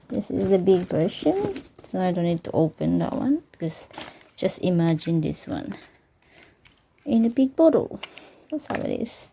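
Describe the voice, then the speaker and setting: A woman with unboxes small treasures at home before bed, gushing and slipping into whispers. Her voice is slow and mellow with some vocal fry. A faint background noise sits under the recording. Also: on the high side. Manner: excited, gushing, often drops to whispers. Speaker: vlogger. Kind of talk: casual unboxing vlog. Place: home, bedroom at night.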